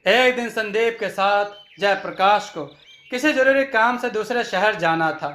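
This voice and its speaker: A man narrating a folk tale in steady storybook style. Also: sits high, a little slow. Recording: echoey room.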